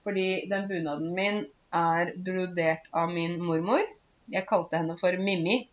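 A woman giving a casual spoken language lesson, stopping to explain words slowly with many fillers. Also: fairly low pitch, steady tone, muffled recording. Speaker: Norwegian language teacher.

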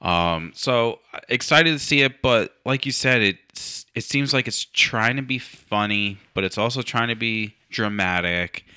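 A man's voice: mid-range voice, unhurried, few pauses, sharp tone, smooth, dry recording, studio quality. A man co-hosting a podcast, chatting casually. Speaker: podcast co-host. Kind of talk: casual chat. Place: studio.

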